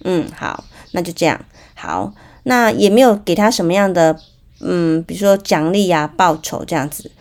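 A woman's voice: on the low side, lively intonation, normal speed, a little mellow. Taiwanese lady podcast host, chatty storytelling, lots of ums and uhs. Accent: Taiwanese Mandarin. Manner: storytelling, chatty, many fillers. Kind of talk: parenting podcast monologue.

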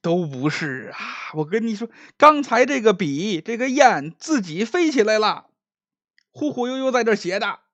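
Jittery magistrate from a spoken story, voice jumping high in alarm, as done by a man; dry, slightly dull sound. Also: lively intonation, fairly quick, hardly any pauses, dry recording. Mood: scared. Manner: shaky, alarmed exclamations. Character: county magistrate, frightened official.

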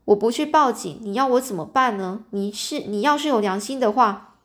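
A woman's voice: on the high side, a little fast, a bit bright, close to an everyday voice. A woman reading a storybook aloud, voicing an outraged middle-aged banker father who scolds and accuses his son. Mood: urgent.

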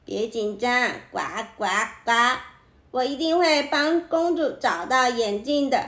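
A woman's voice: high-pitched, expressive, measured pace, a bit bright, reverberant. A woman voicing a cheerful, determined duck in a children's story, quacking between words.

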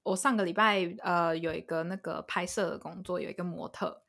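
A woman's voice: lowish voice, fairly even intonation, fairly quick, vocal fry, fairly bright tone. A woman hosting a podcast, chatting expressively and laughing easily. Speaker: podcast host. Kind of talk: casual chat.

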